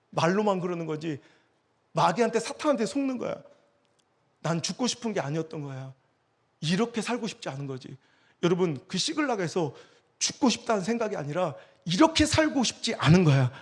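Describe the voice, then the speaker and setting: A middle-aged male pastor preaching an impassioned revival sermon, swinging between loud exhortation and hushed storytelling. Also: sits high, breathy edge. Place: church hall at a youth retreat.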